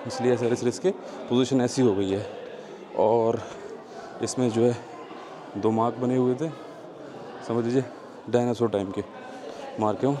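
Chatty man vlogging in a crowded cave. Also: medium pitch. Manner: chatty, points things out to the viewer. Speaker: travel vlogger. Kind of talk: casual walking travel vlog. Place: inside a busy tourist cave. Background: crowd of tourists.

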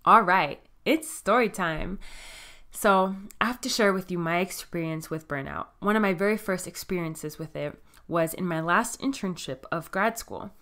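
A woman's voice: on the low side, moderate pace, fairly bright tone. Miami-accented woman hosting a podcast. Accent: Miami American. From Miami, United States. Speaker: podcast host. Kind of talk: scripted solo podcast talk.

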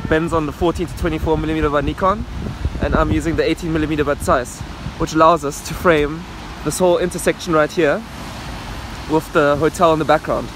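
A fast-talking photography vlogger with a fairly high voice chats casually to the camera he holds at arm's length, out in the rain on a city rooftop and street at night. He's upbeat and quick, and loud wind, rain and traffic noise come through the recording.

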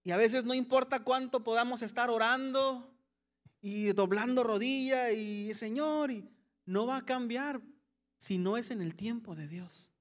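A pastor delivers a sermon in a high, light voice. He acts out worried questions to God, then eases into gentle, reassuring answers. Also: a little slow. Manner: preaching with voiced-out anxious questions and soft calming asides.

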